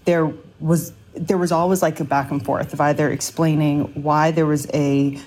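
Woman founder chatting on a panel, low voice, quotes people as she goes. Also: little pitch movement, normal speed, darkish tone, a little hiss or hum. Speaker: startup founder, panel guest. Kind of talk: conversational panel answer.

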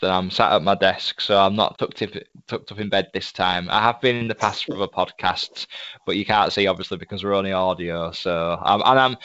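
Low, smooth male podcast host. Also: a bit bright, no echo, highs cut off. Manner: polite, wordy, effusive. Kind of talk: casual interview. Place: indoors at a desk.

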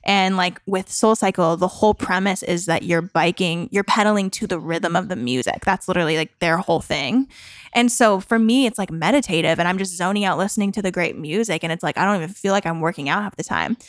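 A woman's voice: on the low side, fairly quick, dry recording, clean studio sound. Chatty young woman with lots of "like". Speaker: musician guest. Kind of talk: casual interview chat.

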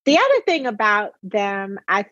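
Measured woman guest, dry dull audio. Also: medium pitch, big pitch swings, fairly bright tone, no echo. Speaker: guest, genetic ancestry company president. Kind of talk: casual conversational interview.

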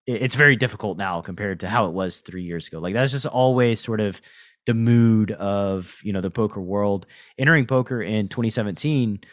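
A man hosting a conversational podcast interview, talking in a reflective, halting way. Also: fairly low pitch, no room sound, studio quality. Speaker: podcast host.

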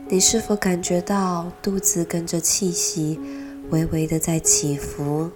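A woman with a slightly nasal voice from a cold softly leads a guided meditation, soothing and unhurried, leaving long pauses between phrases. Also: on the low side, fairly even intonation. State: has a cold. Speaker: podcast host leading a guided mindfulness meditation. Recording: piano music behind the voice. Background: gentle piano music.

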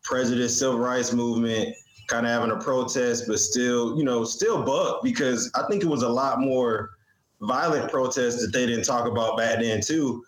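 An American man explaining his view in casual discussion, in a halting way. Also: mid-range voice. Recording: roomy, echoing sound.

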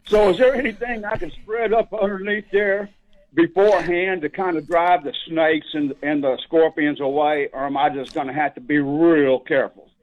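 A man's voice: on the high side, fairly even intonation, moderate pace. An older man calling a radio show on a speakerphone, plain-spoken and hurrying to get his questions out. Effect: voice heard over a phone line on speakerphone. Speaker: radio call-in caller. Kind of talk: casual call-in questions. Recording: tinny phone line.

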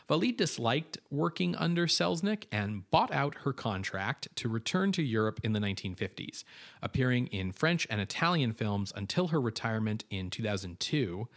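A mid-range male voice belongs to a film podcast co-host who reads cast and crew background notes informatively. He adds casual asides and filler words as he goes.

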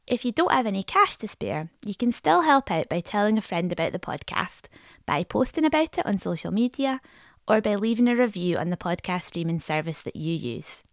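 A woman's voice: mid-range voice, big pitch swings, fairly quick, no echo, clean studio sound. A woman hosting a podcast, reading a scripted narration. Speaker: podcast host.

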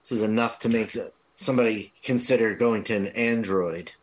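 Podcast dude chatting, offhand, swears a bit. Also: male voice, fairly low pitch, normal speed. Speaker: podcast co-host. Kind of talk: casual chat.

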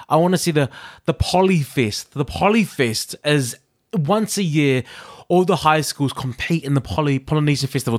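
A man's voice: on the high side, dry recording. Joking New Zealand man, dry close sound. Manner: animated, joking, repeats words when thinking. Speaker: podcast co-host. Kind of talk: casual chat.

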